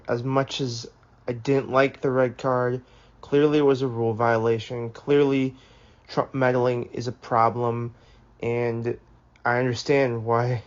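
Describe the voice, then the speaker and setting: A man sending a casual voice note as a fan, wry and resigned, with the odd chuckle. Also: medium pitch. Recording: dull lo-fi voice note.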